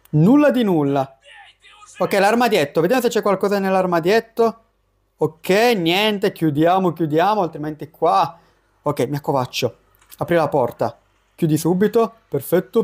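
A young man giving chatty, excitable let's-play commentary as a gaming YouTuber, breaking into quick panicked yelps. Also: high-pitched.

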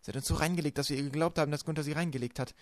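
A clever, practical teenage girl, voiced by a man reading a storybook aloud, brisk and encouraging. Her voice sits a little higher than his own, and she talks quickly. The sound is close and dry. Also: steady tone, no echo, natural voice. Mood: earnest.

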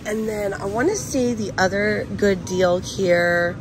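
Her mid-range voice unhurried, a chatty woman with a son records a casual shop-with-me vlog on a handheld phone camera. She's in a noisy discount supermarket aisle, clearly excited about the bargains.

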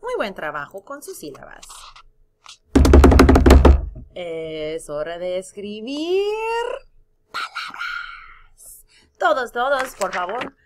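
A woman's voice: mid-range voice, very animated, slow, long pauses, over music. A woman teaching a recorded lesson, spelling words out letter by letter, stretching syllables and praising her students between prompts.

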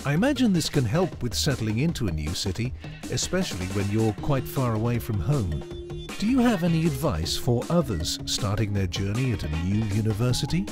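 A woman interviewer asking scripted questions in voice-over with a bright manner. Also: a bass voice, fairly quick. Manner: bright, very lively intonation. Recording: background music under the voice.

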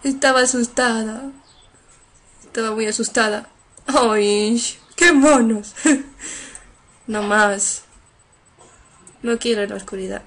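Here a gameplay streamer talks into her headset while playing, translating the dialogue as she reads it and filling gaps with lots of fillers. She's a young woman with a slightly bright, higher-pitched voice, speaking slowly with long pauses.

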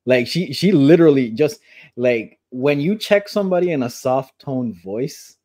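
A man co-hosting a casual anime review chat from home, talking passionately with halting starts and quick bursts. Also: mid-range voice, animated, dark tone, dry recording, studio quality. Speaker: co-host.

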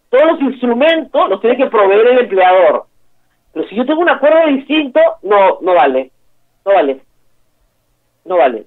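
A woman from Peru hosting a political talk show, giving emphatic, opinionated commentary and repeating key words for stress. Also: mid-range voice. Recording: tinny phone line.

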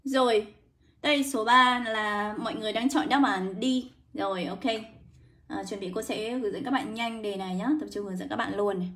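A young woman teaching English in a live online lesson, brisk and coaxing, greeting viewers by name. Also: medium pitch, fairly even intonation, a bit bright. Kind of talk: livestream lesson.

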